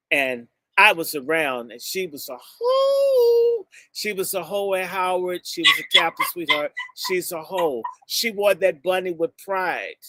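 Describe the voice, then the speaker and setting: With a high, sharp voice, an American man addresses a gathering in a blunt, impassioned speech. He stretches out words to hammer them home, hurls insults, and leaps between subjects. No room sound is audible.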